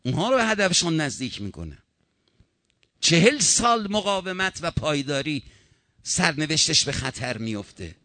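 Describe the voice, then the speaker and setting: A male preacher delivers a sermon with mounting passion, climbing into ringing appeals and dropping low for solemn passages. His tone is bright and forceful. The sound is dry and close, with no room echo. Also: sing-song. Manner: impassioned, rising and falling in pitch.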